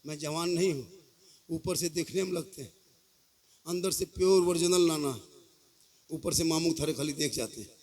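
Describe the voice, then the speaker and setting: A man in his fifties with a Jharkhand Hindi accent, preaching to a crowd on a microphone, shifting from quiet reasoning to shouted, sung declamation with humorous rhetorical questions. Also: fairly high pitch, normal speed, pauses often. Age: 50s. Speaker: Islamic preacher. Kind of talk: sermon to a crowd. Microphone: mic through a loudspeaker system.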